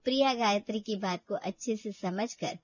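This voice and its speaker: A woman narrating a cartoon storybook in a plain, even manner. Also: medium pitch, moderate pace, breathy edge, muffled recording.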